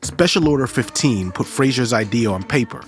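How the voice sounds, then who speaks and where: A man's voice: mid-range voice, lively intonation, moderate pace, soft background music. A man co-hosting a podcast, reading scripted narration about history.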